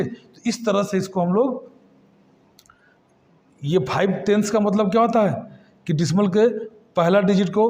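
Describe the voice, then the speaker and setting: A high-pitched man teaches a math lesson to children. He keeps quizzing them, then answers his own questions in a patient, repetitive classroom manner. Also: darkish tone. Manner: addresses students as kids, asks and answers his own questions. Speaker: math tutor.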